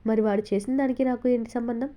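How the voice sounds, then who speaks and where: A woman voicing a dismissive, teasing father in a storybook reading, in a lowered, mocking tone. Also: steady tone, fast, dark tone, natural voice.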